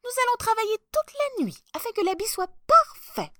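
A woman's voice: very animated, normal speed, a bit bright, no echo, clean studio sound, exaggerated voice. A woman playing sly swindling tailors. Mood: wheedling. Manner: smooth, wheedling sales pitch.

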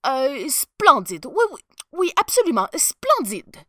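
A woman's voice: mid-range voice, wildly swooping pitch, moderate pace, fairly bright tone, no room sound, studio quality. A woman voicing a vain, anxious male emperor who frets and stammers in a storybook reading. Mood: flustered. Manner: fretful, stammering bluster.

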